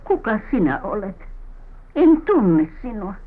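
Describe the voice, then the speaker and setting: A woman's voice: medium pitch, big pitch swings. An actress playing a frail, forgetful old mother in a vintage radio drama, wavering and tearful. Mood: confused tender. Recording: tinny old radio broadcast recording.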